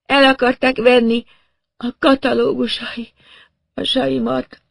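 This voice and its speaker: A man raises his voice to play a middle-aged woman who has just lived through something terrible and can barely string words together. Her speech comes out high, faltering and breathless, with a husky, gravelly rasp. The delivery is close and dry. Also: flat delivery, a bit bright, dry recording, heavily acted. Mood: dazed. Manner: halting, breathless, stunned. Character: dazed middle-aged woman artist in shock.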